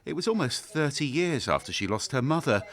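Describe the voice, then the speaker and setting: Lively-voiced male news correspondent. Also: medium pitch. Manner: measured reporter's delivery with lively intonation. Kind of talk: scripted news narration.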